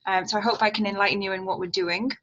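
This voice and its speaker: A woman's voice: medium pitch, little pitch movement, quick pace, fairly bright tone, lo-fi sound, a little hiss or hum. A woman giving an upbeat, conversational webinar talk about a hospital cardiac device service, heard through video-call audio captured in a screen recording. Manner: fluent, upbeat, conversational explaining. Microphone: computer mic on a video call.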